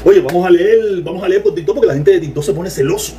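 A Cuban man with a Cuban Spanish accent, giving sarcastic, animated political commentary on a livestream and reading viewer comments. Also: high-pitched, fast talker, crowd noise. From Cuba.

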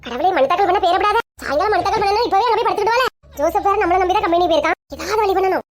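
A woman's voice: extremely high pitch, rapid-fire. A woman with a Kanyakumari Tamil accent voicing a scheming, bossy elderly mother-in-law in a comic family sketch. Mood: coaxing. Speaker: comedy sketch creator.

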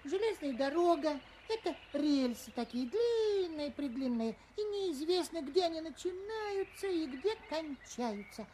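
An actor playing a chatty, eager little male grasshopper in a children's audio story, hesitant and rambling in an excitable way. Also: measured pace, few pauses, a little hiss or hum, poor audio. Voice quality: high-pitched, small voice.

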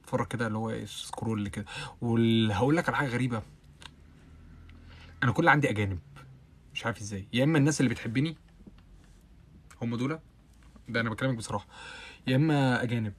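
Hosting a relaxed live stream, a young man with an Egyptian Arabic accent chats with viewers and responds to their comments. His slightly rough voice moves fast and chatty, full of oaths and bursts of loud, high laughter.

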